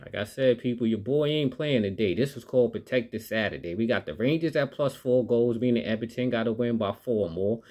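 A man's voice: mid-range voice, fairly quick, few pauses, darkish tone. A man hosting a sports betting channel, talking straight to his viewers in an upbeat, hyped way as he lays out his picks. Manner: upbeat, hypes viewers, talks straight to the audience.

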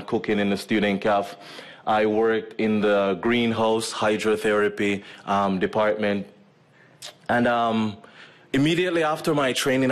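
A Jamaican medical missionary in his thirties stands at a lectern with a stand mic on an auditorium stage, a curtain behind him, sharing his personal testimony with a church audience. His mid-range voice carries relaxed storytelling full of ums and uhs.

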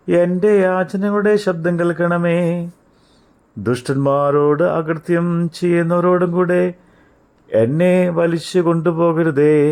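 A man reading psalms aloud in a measured, reverent devotional style. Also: on the high side, a little mellow, clear, resonant tone. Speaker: scripture reader. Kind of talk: slow devotional Bible reading; sings a hymn at the end.

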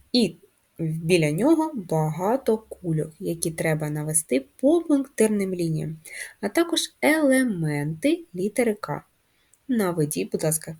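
A woman teaching a first-grade class how to write a letter, breaking words into sounds slowly and clearly. Her voice sits a little low and sounds mellow and soft-edged, with a faint huskiness. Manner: slow, clear syllable-by-syllable explanations. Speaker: primary school teacher. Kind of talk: first-grade handwriting lesson.

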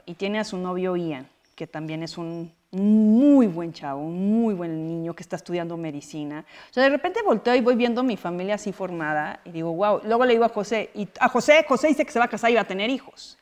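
Chatty middle-aged Mexican woman. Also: a little high. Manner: chatty storytelling, frequent filler phrases. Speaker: actress and guest. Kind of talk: casual interview chat.

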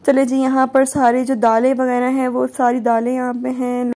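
A woman's voice: sits high, monotone, normal speed. A young woman from Pakistan chatting casually through her shopping vlog, with joking asides. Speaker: vlogger. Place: large supermarket, indoors.

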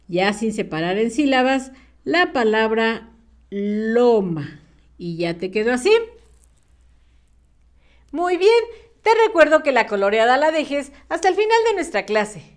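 A woman teaching a children's spelling lesson, patient and sing-song, using diminutives. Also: sits high. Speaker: primary school teacher.

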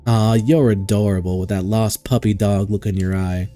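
A man's voice: on the low side, steady tone, moderate pace, dark tone, faint music behind, voice pushed down, natural voice. A man voicing a flirty southern hostess with a drawl, sweet-talking and calling people sugar. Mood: reassuring. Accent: Southern US (put on).

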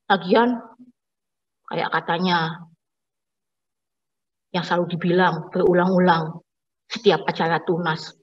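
A woman's voice: on the low side, breathy edge, big-room sound, lo-fi sound. A young woman doing a satirical stand-up monologue, complaining wryly and acting out the voices in her stories. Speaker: stand-up comedian.

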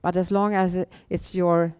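A middle-aged woman with a Swedish accent, answering questions on stage in a measured, halting way with pauses. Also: lowish voice, level tone, a little mellow, smooth. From Sweden. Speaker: guest, bank founder and chief executive. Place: indoor event room on a small stage. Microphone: headset.

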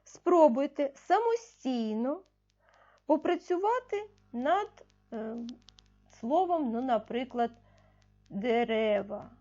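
A female primary school teacher records a video lesson for young pupils, patiently posing questions and answering them herself while slowly stressing key words. Her voice is high, expressive and dark in tone, and the recording sounds muffled.

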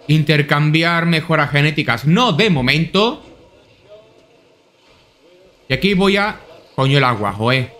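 A young man with a Spanish accent from Spain talks through a game as he plays, swearing often and muttering to himself. His voice sits high and leaps up and down, with a bright, forceful edge. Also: animated, unhurried, pauses often. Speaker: gameplay streamer. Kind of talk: casual gameplay commentary.

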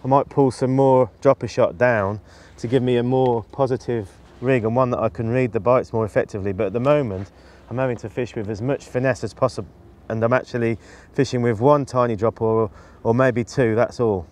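A man in his forties talks through his tackle in a practical, explanatory way and often restarts his sentences. He is outdoors on a riverbank and recorded close on a lapel mic. His voice sits at an ordinary middle pitch. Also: steady tone, fairly quick, darkish tone. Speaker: match angler demonstrating tactics. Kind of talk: instructional talk to camera.

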